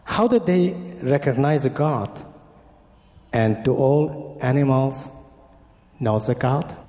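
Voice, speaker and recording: Guy from iran asking a question, halting english, long hall reverb. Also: medium pitch, expressive, warm tone. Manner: hesitant, simple phrasing, halting. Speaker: audience member asking a question.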